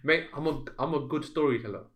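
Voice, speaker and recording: A man's voice: on the high side, fast talker, fairly bright tone. A man co-hosting a casual spiritual podcast, laid-back with dry, understated replies. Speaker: podcast co-host.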